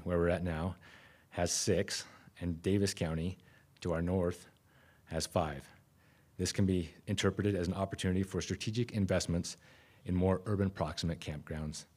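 A man, giving a conference keynote from a podium microphone in a conference room, measured and with frequent restarts. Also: low voice, mellow. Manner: measured, self-correcting restarts. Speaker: keynote speaker.

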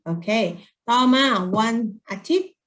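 Slow-paced Thai teacher woman. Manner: slow, drawn-out English drilling with repeat-after-me; gentle, encouraging teacher talk to children. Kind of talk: children's English lesson.

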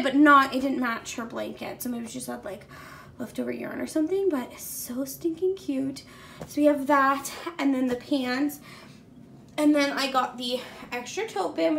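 A gravelly voice that sits high belongs to a pregnant vlogger casually walking viewers through her house room by room. There's a little hiss or hum, and she rambles with plenty of ums and likes, at times winded.

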